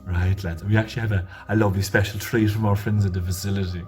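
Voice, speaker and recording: A man's voice: fairly low pitch, flat delivery, fast, a little mellow, faint music behind. A man performing a comic sketch as a teacher, in a jolly, matter-of-fact lecturing way. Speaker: comedy performer.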